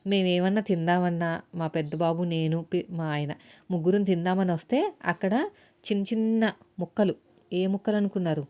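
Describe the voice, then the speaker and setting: A woman's voice: lowish voice, normal speed, mellow. A housewife vlogger chatting casually to her viewers while she cooks in her home kitchen, telling little stories as she goes. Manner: chatty, talks straight to viewers, tells stories. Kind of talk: casual vlog chat while cooking.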